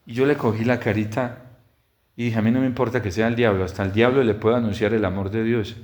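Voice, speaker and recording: Man preaching a homily. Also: quick pace. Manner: builds to loud high-pitched exhortations; storytelling with lively quoted dialogue.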